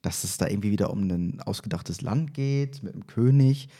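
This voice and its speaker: A man's voice: on the low side, lively intonation, a little fast, warm tone. A man hosting a casual fan podcast in a hesitant, rambling way, recorded in an echoey space outside the studio.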